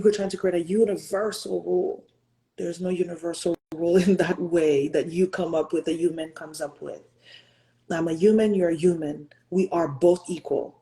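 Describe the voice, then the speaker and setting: A mellow, low-leaning voice belongs to a woman in her thirties who hosts a motivational talk, earnest and emphatic as she fires rhetorical questions at her listeners. She occasionally shifts into French and Haitian Creole, and the audio is poor.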